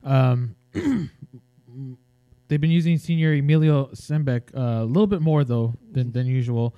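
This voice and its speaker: Californian male co-host, halting casual delivery, mellow tone, dry close mic. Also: mid-range voice, clear, resonant tone, no room sound, highs cut off. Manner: hesitant, many fillers and restarts. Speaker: sports podcast co-host. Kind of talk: casual sports chat.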